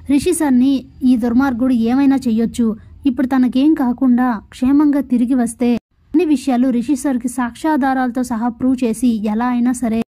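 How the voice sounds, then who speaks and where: A woman hosting a channel, casually retelling a TV serial episode in a steady, matter-of-fact way. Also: sits high. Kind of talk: casual story recap.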